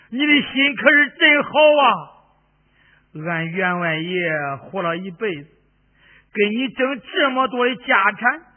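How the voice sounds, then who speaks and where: A man in a Henan opera playing a loyal old family servant who laments with drawn-out sighs. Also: high-pitched. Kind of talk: Henan opera spoken dialogue. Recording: tinny phone-like recording.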